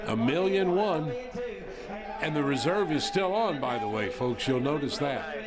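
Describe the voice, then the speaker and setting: A man's voice: on the high side, animated, unhurried. A man hosting an auction broadcast with presenter-style commentary. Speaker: auction show host.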